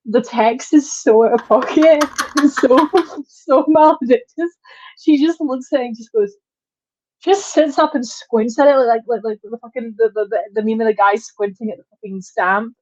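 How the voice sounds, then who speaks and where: A woman playing in a tabletop game, telling her character's actions in an animated way with swearing. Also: on the high side, normal speed, no room sound, lo-fi sound. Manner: animated, swearing, laughing storyteller. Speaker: player.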